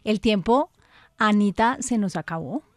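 A woman hosting a radio interview, speaking gently and reassuringly. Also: medium pitch, expressive, a little slow, no echo, clean studio sound. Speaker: radio host.

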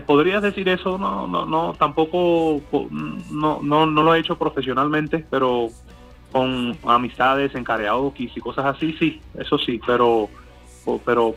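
A man from Miami whose first language is English speaks with a Cuban Spanish accent softened by Colombian. He gives hesitant interview answers with plenty of fillers and restarts. His medium-pitched voice is creaky and a bit bright, and the recording's highs are cut off.

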